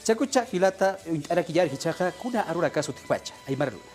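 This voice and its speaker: A man's voice: high-pitched, lively intonation, fast, darkish tone, faint music behind. A man co-presenting a televised Aymara lesson, giving short announcements and acknowledgments.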